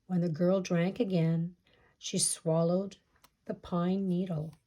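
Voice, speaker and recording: A woman reads a children's folktale aloud as a storyteller. Her voice is fairly low and soft-edged in tone, and she takes her time over each phrase, with a measured delivery meant for listeners. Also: flat delivery. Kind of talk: reading a picture-book folktale aloud.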